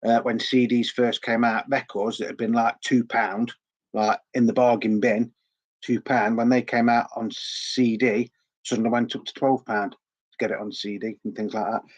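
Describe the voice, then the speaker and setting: The recording is muffled as a middle-aged man with a sore throat rambles through casual chat on his record collecting vlog, often repeating words. His mid-range voice is flat and moderately paced.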